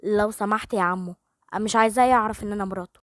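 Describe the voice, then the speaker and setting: A woman voicing a feisty, sharp-tongued young woman who talks boldly and teasingly, with an Egyptian Arabic accent. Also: medium pitch, racing, dry recording, studio quality, close to an everyday voice. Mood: earnest. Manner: bold and teasing.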